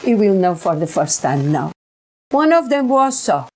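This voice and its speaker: A woman, telling her own experiences in a halting way, often repeating and restarting words. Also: mid-range voice, very animated, slight background noise. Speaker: researcher sharing experiences. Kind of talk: personal recollection monologue.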